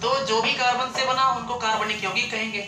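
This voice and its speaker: A man's voice: very high-pitched, fairly even intonation, a little fast, heavy background noise. A male chemistry teacher lecturing a class, asking questions and answering them himself and repeating each point. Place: classroom with students. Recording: echoey classroom with student chatter.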